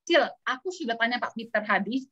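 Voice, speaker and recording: A woman's voice: a little high, expressive, brisk, bright, forceful tone, lo-fi sound. A woman quoting a blunt team member who compares her answer unfavorably with another's, in a matter-of-fact way.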